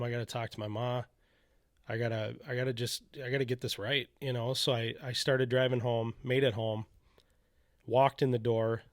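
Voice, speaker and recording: A man's voice: medium pitch, dry recording. Man, casual candid storyteller with a mid-range voice and a dry close-mic sound. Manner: candid, rambling retelling with many "you know" asides. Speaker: podcast co-host telling his faith story.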